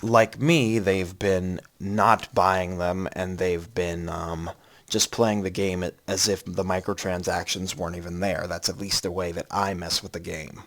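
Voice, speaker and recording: A man's voice: sits low, level tone, measured pace, fairly bright tone. A man giving an unscripted video game review from his computer. He rambles, restarts often and yawns now and then. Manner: rambling, many ums and restarts; yawning, sleepy. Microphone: computer mic.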